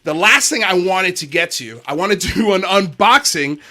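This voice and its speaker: A man's voice: high voice, lively intonation, moderate pace, pushed and bright. A man from Miami hosting a casual podcast livestream, laid-back and chatty, saying "dude" a lot and laughing easily. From Miami, USA. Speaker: podcast host.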